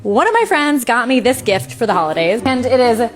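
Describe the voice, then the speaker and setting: A woman's voice: a little high, big pitch swings, fairly quick. A woman with an American Valley Girl accent giving chatty, sarcastic comedic commentary in a bubbly sorority-girl manner. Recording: music bed under the voice. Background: background music.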